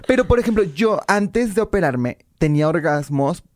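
A woman with a Mexican Spanish accent, a podcast guest telling candid stories in a lively way, laughing often and acting out her own past words. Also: on the low side, normal speed, dry recording, clean studio sound. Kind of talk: frank candid storytelling.

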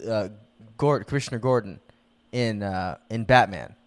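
A man's voice: lowish voice, normal speed. A young man co-hosting a casual podcast, joking around and laughing often. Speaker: podcast co-host. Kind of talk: casual chat.

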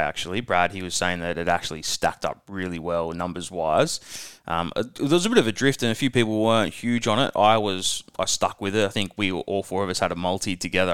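A man's voice: low voice, a bit bright, clear, resonant tone, no echo, clean studio sound. A man co-hosting a casual racing podcast, chatty and leading the talk. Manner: chatty, leads the conversation. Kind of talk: casual chat.

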